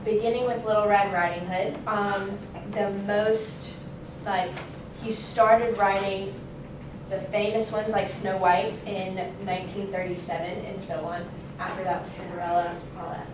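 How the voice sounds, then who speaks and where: A young adult woman delivers a casual, loosely worded student speech in a classroom, pausing to correct herself. She has a medium pitch and a flat delivery that's a little slow. The sound is very echoey and noisy because a camera mic records her from a distance indoors.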